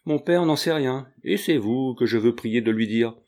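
A man's voice: mid-range voice, moderate pace, mellow, close to an everyday voice. A man reading an audiobook, voicing a timid, hesitant young village woman.

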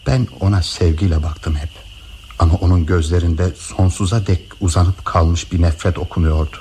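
A man plays a widower pouring out a long-hidden love in a radio play. His deep, mellow voice stays slow and tender, with a faint hiss underneath. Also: steady tone, close to an everyday voice. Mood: tender, confessional. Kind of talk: broadcast radio drama acting.

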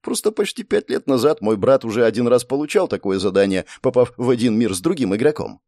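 A man voicing a brisk, mocking young woman who is a player in a game world, in an audiobook. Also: medium pitch, expressive, warm tone, no room sound, studio quality. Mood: teasing, brisk. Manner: snappy, teasing, exclamatory.

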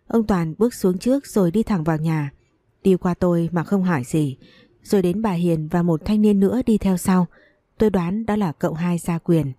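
Woman storyteller, mellow low voice. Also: no room sound. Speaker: narrator. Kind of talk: first-person storybook narration.

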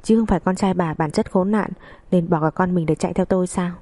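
A woman voicing a defiant, sharp-tongued young wife who answers back coolly and cuttingly. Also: fairly low pitch, fast, no echo, lightly acted. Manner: cool, mocking, cutting.

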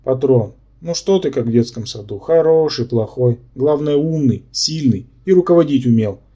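A man's voice: medium pitch, expressive, warm tone, lo-fi sound, close to an everyday voice. A man voicing a male brain-polyp symbiont who lectures and argues, in an audiobook. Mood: lecturing. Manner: lecturing, quick to take offence.

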